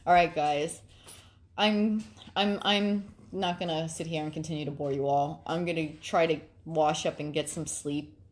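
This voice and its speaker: A middle-aged woman vlogging casually late at night, chatty and quick to laugh, then calm and reflective as she gives advice to her viewers. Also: low voice.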